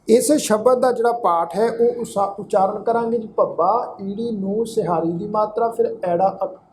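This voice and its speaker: A woman with a Punjabi accent teaching scripture pronunciation, chanting verses slowly and spelling out letters. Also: medium pitch, dark tone, a little hiss or hum, low-quality recording. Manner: slow chanted recitation alternating with quick spelled-out explanations. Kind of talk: recitation lesson.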